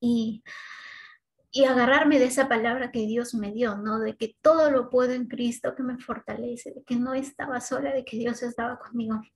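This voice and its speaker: A woman with a fairly high voice tells her personal faith testimony. She speaks in a conversational, heartfelt way and often breaks off to restart a phrase or add a tag question. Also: fairly even intonation, moderate pace, rough recording. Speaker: mother giving a faith testimony.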